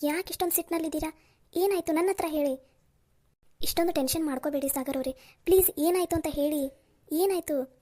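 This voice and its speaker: Cartoon young office woman, high-pitched, anxious and pleading, woman voicing. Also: a little fast, pauses often, dark tone, natural voice. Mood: worried. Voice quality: pleading, fretful. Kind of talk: cartoon voice acting.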